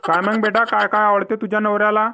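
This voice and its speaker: A man's voice: sits high, flat delivery, quick pace, pushed and bright. A man voicing a scheming older village father-in-law in a cartoon comedy, with a rural Vidarbha Marathi accent and a sly, coaxing manner. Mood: angry.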